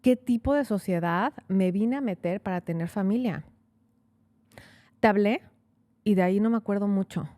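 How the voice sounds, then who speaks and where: A woman's voice: medium pitch, normal speed, pauses often. Lady lawyer telling a story on a podcast, lots of "este" and "o sea", acts out the quotes. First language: Spanish. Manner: animated, acts out quotes, many fillers. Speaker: immigration lawyer, podcast co-host. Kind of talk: casual storytelling chat.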